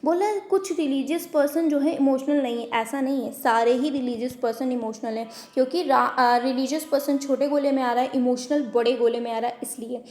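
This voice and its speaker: Woman, teacher, high voice, whiteboard lesson, slow careful readouts, roomy echo. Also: darkish tone. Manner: reads English statements out slowly, then explains them in Hindi. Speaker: exam coaching teacher. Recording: echoey room.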